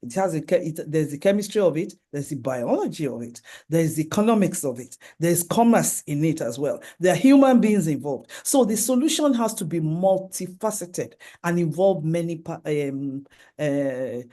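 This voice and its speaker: A middle-aged conference speaker with a Nigerian accent presents with slides, his mellow, dark, mid-range voice expressive at a moderate pace. He earnestly works through lists of points, occasionally restarting sentences.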